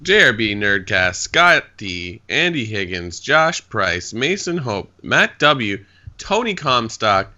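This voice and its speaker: A man's voice: on the low side, very animated, slow pace, sharp tone. A man co-hosting a podcast in casual chat, with a metallic tin-can sound from a bad microphone. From Canada. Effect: metallic tin-can sound from a faulty microphone. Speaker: podcast co-host. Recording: dull, tinny lo-fi microphone.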